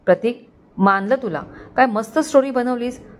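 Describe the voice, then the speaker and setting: A woman's voice: on the high side, moderate pace, close to an everyday voice. A woman voicing a cautious, commanding male detective officer in a read-aloud mystery story. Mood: confident.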